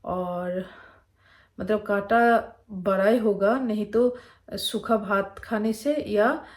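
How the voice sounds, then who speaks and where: A woman's voice: medium pitch, steady tone, slow pace, darkish tone. A woman from Bengal with a Bengali accent, telling a personal story in a casual, rambling way with many fillers and restarts. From Bengal, India. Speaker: vlogger.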